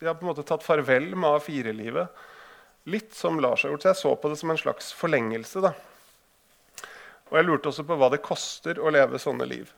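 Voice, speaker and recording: Gravelly-voiced man telling a story. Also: a little high, fairly bright tone. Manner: hesitant, many filler sounds and restarts when speaking freely. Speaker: author giving a talk. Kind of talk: live talk mixing casual storytelling with reading aloud from his book.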